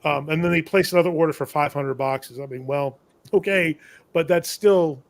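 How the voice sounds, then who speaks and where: A man's voice: fairly high pitch, moderate pace, no room sound. A man who sells tools to shops, telling a long business story in a casual, rambling way, often correcting himself and chuckling at his own trouble. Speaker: shop owner and tool vendor. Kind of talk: casual storytelling on a live show.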